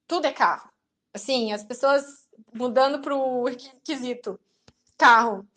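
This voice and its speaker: A young adult woman with a Brazilian accent, hosting a podcast in a chatty, lively way and acting out the people she quotes. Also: high-pitched, unhurried. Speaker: podcast host. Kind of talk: casual chat.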